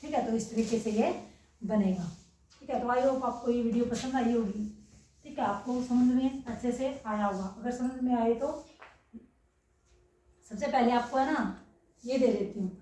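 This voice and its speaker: A woman's voice: a little high, normal speed, long pauses, mellow, a little hiss or hum. A young woman teaching a grammar lesson, asking questions and then answering them herself, often saying "okay" to check along. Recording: echoey room, mic far away.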